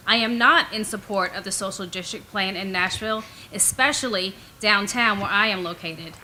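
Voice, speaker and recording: Bright, firm woman at a podium. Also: mid-range voice, moderate pace, slight background noise, poor audio. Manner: firm, insistent, uses rhetorical questions. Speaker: resident and ministry director giving public comment. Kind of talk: prepared public comment at a council meeting. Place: council meeting room.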